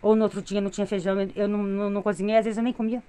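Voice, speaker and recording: A middle-aged woman with a Brazilian Portuguese accent talks quickly while venting her frustrations. Her voice sounds weary and complaining, and she moves at a rapid clip. It is a casual home vlog recorded on a phone in a living room. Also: mid-range voice, flat delivery, mellow, clean tone. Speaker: vlogger, mother of three.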